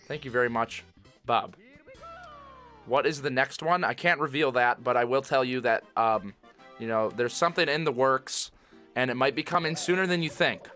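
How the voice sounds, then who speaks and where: Young male esports caller, hype and jokey, bright tone. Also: medium pitch. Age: young adult. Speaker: commentator. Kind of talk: casual esports commentary.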